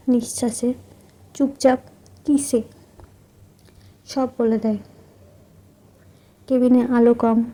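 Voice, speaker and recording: A woman narrating a romantic story in the first person, soft, intimate and measured. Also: on the high side.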